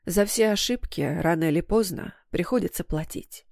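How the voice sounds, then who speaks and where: A soothing, worried mother speaks softly in a lowish voice, as a woman narrator puts her on. The audiobook sound is dry and close. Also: normal speed, vocal fry, no echo. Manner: soft, soothing.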